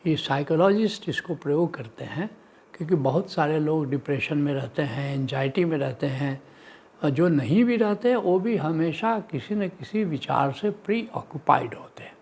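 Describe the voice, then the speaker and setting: A man giving a spiritual discourse as a teacher, listing points in a teaching cadence and chanting the sayings of saints in a slow sing-song. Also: a little high, animated, darkish tone. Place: live teaching session.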